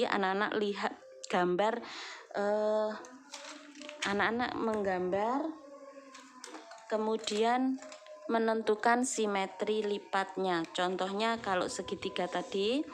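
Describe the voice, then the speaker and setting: A middle-aged woman primary school teacher from Indonesia giving a recorded lesson, explaining patiently and repeating points with small check-ins to the children. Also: medium pitch. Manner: explains slowly, repeats with "ya" and "nah".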